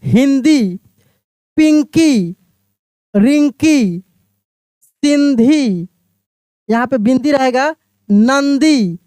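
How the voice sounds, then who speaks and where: A man teaching a beginners' reading lesson, explaining slowly, repeating each word and putting questions to the listener. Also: extremely high pitch, animated, darkish tone, clean tone, no room sound, studio quality. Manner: addresses the viewer as my friend.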